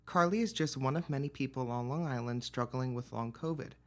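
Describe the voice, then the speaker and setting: A male news reporter delivers a scripted report. His voice sits at an ordinary middle pitch and follows the formal style of news narration. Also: a little fast.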